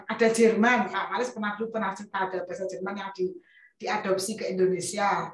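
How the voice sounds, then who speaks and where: A woman teacher giving a primary school lesson in a chatty, playful way, teasing her pupils with asides. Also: medium pitch. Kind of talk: classroom lesson. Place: classroom. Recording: echoey room from far off, faint noise.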